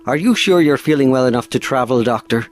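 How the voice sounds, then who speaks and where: A man's voice: medium pitch, fast, faint music behind, natural voice. A man playing a weary, firm ship's captain in command of an expedition, formal and authoritative, in an audio drama.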